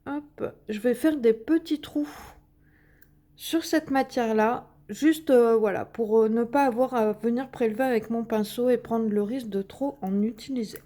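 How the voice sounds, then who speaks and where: Woman hosting a craft tutorial; chatty, filler-heavy, mellow and higher-pitched. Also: normal speed. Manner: chatty, many fillers and little "hop" sounds while working. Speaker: craft video host. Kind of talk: casual craft demonstration.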